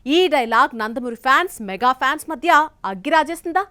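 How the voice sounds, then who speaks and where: Woman anchor, headline intros, questioning delivery, high voice. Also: animated, brisk, bright, forceful tone. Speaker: news anchor.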